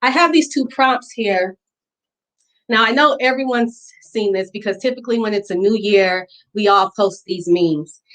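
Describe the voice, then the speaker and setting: A woman presenting a pitch for her hair salon in an earnest, heartfelt way. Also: normal speed, a bit bright, rough recording. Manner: earnest and emotional, fighting back tears at times. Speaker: business pitch contestant, hair stylist. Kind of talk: virtual business pitch presentation.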